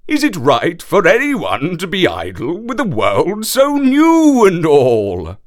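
A man voicing an indignant, hardworking male horse in a storybook reading, complaining in a raised, drawn-out voice. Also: high-pitched, huge pitch swings, voice pushed up, exaggerated voice.

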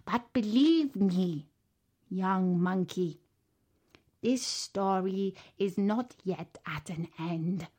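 A woman's voice: mid-range voice, expressive, dark tone. Fuchsius, a woman doing a wise old monkey. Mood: thoughtful. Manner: measured, thoughtful. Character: wise old male monkey, calm sage.

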